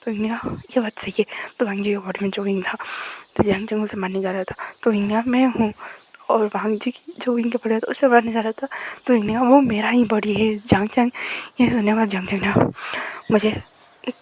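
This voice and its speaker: A woman casually retelling a drama's plot as a storyteller, moving quickly between narration and the characters' lines. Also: medium pitch, steady tone, a little mellow, slightly rough, poor audio. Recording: faint background noise.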